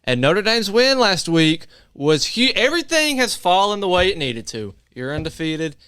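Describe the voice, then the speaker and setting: A man's voice: high voice, sing-song, moderate pace, bright, forceful tone, clean tone, no room sound, studio quality. A man on a sports talk panel making his pick, fired up and pleading with the team.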